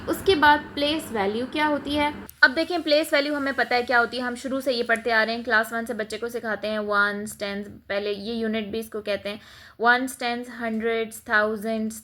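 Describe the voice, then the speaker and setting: A woman with a Pakistani accent and a fairly high, slightly bright voice explains a math lesson while writing on a board. She is patient and repetitive, blending Urdu-Hindi with English terms.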